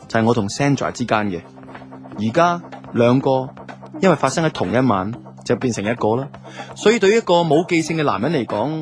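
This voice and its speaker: A laid-back young man's reflections on love, told in colloquial style, are voiced for a radio drama by a man with a Hong Kong Cantonese accent. The performance is lightly acted in a medium pitch, with music beneath.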